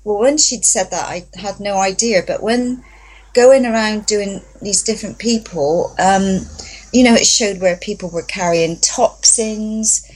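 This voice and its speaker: A woman's voice: medium pitch, measured pace, darkish tone, breathy edge, rough recording. A woman from England, a voice therapy practitioner, telling her story as a guest in an interview in a chatty, enthusiastic way. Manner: chatty, enthusiastic, acts out quotes.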